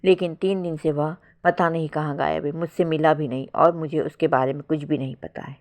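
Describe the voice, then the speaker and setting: A woman's voice: sits low, fairly even intonation, fairly quick, lightly acted. A woman reading a story aloud, voicing a tearful young woman who pleads with her mother over a lost love. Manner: pleading, crying.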